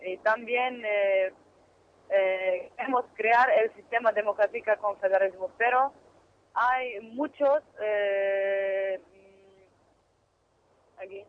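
Over a dull phone line, a woman activist with a mid-range voice is interviewed on the radio. Her non-native speech is hesitant and halting, and she slips into English at times.

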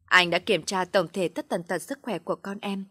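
A woman voicing a calm, careful male doctor who speaks in measured words, in a storybook reading. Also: fairly low pitch, no room sound, studio quality. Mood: grave.

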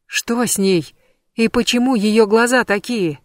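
A woman voicing a frightened young goddess who speaks high and tearful. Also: measured pace, no echo, studio quality, close to an everyday voice. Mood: terrified. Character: terrified young goddess woman, sobbing wife.

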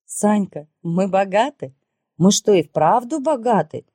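A woman voicing a lively young woman in love, pleading and exclaiming in an audiobook. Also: medium pitch, measured pace, husky, no echo, studio quality, voice pushed up. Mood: overjoyed.

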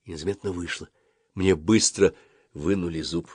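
A man narrating an audiobook in an expressive storytelling manner. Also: deep voice, normal speed, husky, no echo, studio quality.

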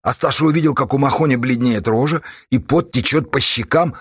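A man reads a dramatic audiobook with intensity, pushing his pitch up sharply at tense moments. His voice is husky, at a middling pitch. The recording is dry and close. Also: a little fast, fairly bright tone, dry recording. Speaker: audiobook narrator.

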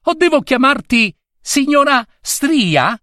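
A man voicing a mocking little male squirrel demon in a storybook tale, with high, cackling, taunting speech. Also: big pitch swings, slow, bright, forceful tone, dry recording, clean studio sound, full character voice. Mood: gloating.

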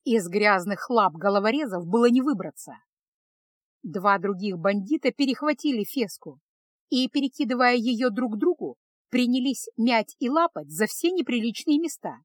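A woman narrating a fantasy audiobook in an even, expressive storytelling manner. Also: a little high, normal speed, no echo. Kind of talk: scripted narration.

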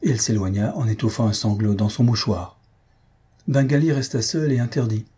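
A man narrating a classic story in a steady audiobook reading. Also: mid-range voice, fairly quick, husky.

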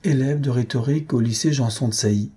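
A man's voice: medium pitch, fast talker, breathy edge, natural voice. Man reading a polite, clever schoolboy. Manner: soft-spoken, infinitely polite. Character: polite, clever teenage schoolboy posing as reporter. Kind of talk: audiobook character reading.

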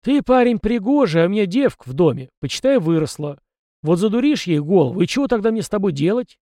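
A man voicing a gruff old village elder with a stern, teasing, folksy way of speaking. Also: a little high, big pitch swings, normal speed, a little mellow, no room sound, studio quality, exaggerated voice. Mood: gruff, wry.

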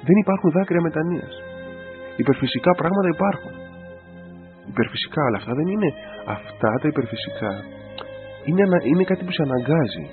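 Animated priest on tinny radio. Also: male voice, on the high side, long pauses. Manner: animated, speaks directly to the listener. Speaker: Orthodox priest and radio show host. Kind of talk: informal radio sermon. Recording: tinny phone-like radio audio with faint music.

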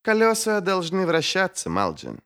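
A man's voice: sits high, wildly swooping pitch, normal speed, a bit bright, clean tone, voice pushed up, full character voice. A man voicing a sly, smirking male mage with a silky, mocking manner.

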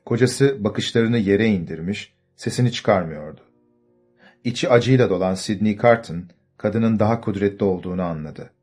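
Low-voiced male audiobook narrator. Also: a little mellow, husky. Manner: measured storytelling. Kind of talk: scripted narration. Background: faint music.

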